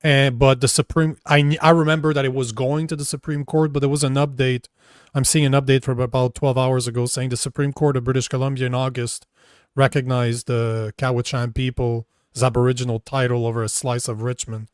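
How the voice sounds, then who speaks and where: A man's voice: medium pitch, flat delivery, a little fast, smooth, dry recording, clean studio sound. A man co-hosting a political talk show, chatting loosely and recalling news he has read. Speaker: podcast co-host. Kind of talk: casual political chat.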